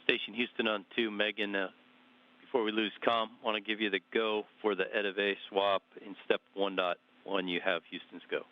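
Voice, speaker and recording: A man with a low voice gives clipped, procedural radio calls over a crackly transmission. The sound is muffled and seems to come from far off. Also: little pitch movement, normal speed. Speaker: mission control radio operator. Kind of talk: terse radio procedure talk.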